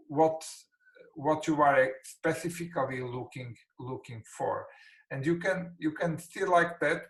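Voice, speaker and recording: A man's voice: a little high, low-quality recording. Hesitant Portuguese-accented male surgeon lecturing. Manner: hesitant, many fillers and restarts. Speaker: spine surgeon. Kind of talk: webinar lecture.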